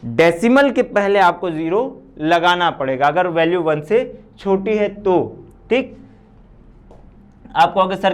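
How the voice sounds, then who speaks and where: A man teaching a physics class, asking and answering his own questions and repeating points for the students. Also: sits high. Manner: addresses students as children. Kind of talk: recorded class lecture.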